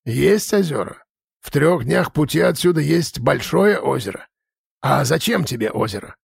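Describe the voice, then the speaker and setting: A man voicing a stern old male orc shaman, with a gravelly, husky delivery and a grumbling, commanding manner in an audiobook. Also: a little high, expressive, moderate pace, dry recording, studio quality, full character voice. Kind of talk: audiobook character voice.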